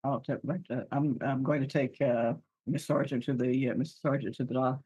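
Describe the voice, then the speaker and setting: A man at a tabletop game who speaks haltingly, with many fillers and restarts. His voice is husky and mid-pitched. It sounds dry and close to the mic. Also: steady tone, a little mellow, no room sound, poor audio. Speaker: player. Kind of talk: casual tabletop game talk, partly in character.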